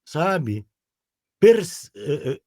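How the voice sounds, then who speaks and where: Speaking extremely slowly with big pitch swings, this man has a warm, fairly high voice. In his sixties and from Rio Grande do Sul in southern Brazil, he uses that region's Portuguese accent as a guest in a casual interview, rambling and often asking "sabe?". The sound is clean studio audio with no echo.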